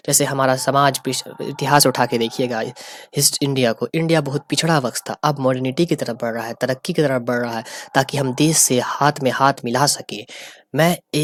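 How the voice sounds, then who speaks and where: A man's voice: a little high, dry recording. A man teaching a sociology lesson, explaining and repeating key terms and mixing in English words. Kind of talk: sociology lecture.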